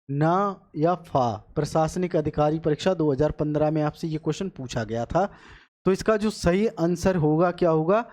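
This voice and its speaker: A man teaching an exam-prep grammar class in a slightly high voice. He explains patiently step by step, often repeating the right answer. He asks questions aloud and then answers them himself. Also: a little mellow.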